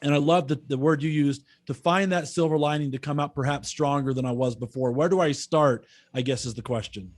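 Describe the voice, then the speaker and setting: A man's voice: on the high side, brisk, few pauses, no echo, studio quality. A man hosting an interview on a video call, asking questions with many restarts and repeated words. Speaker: host.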